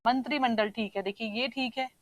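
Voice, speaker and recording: High-voiced woman teaching exam Hindi. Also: fairly even intonation, dry recording, low-quality recording. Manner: explains patiently, checks in with "theek hai"; sounds words out slowly to show the spelling. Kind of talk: exam paper discussion.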